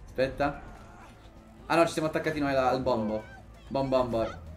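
A young man with an Italian accent giving excitable, swear-laden commentary while playing a co-op game. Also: mid-range voice, normal speed, faint music behind. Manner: excitable, swears, jumps between loud outbursts and mutters. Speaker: gaming YouTuber. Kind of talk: casual gameplay commentary.

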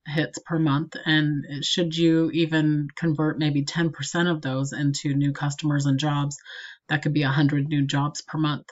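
A woman marketing consultant walking a client through an SEO review with a screen recording, in a steady and practical way. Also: deep voice, a little slow, lo-fi sound.

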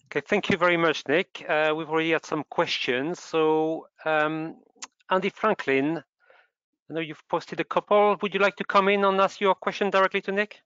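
A man's voice: a little high, steady tone, fairly bright tone, smooth, no echo. A man chairing an online Q&A session, courteously thanking the speaker and inviting questions. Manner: courteous, brisk moderating. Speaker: meeting chair. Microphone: video call. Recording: dry, muffled video call audio.

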